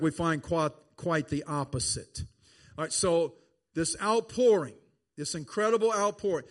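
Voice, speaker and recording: A man's voice: high-pitched, fairly bright tone. A man preaching a sermon, stretching words out for emphasis.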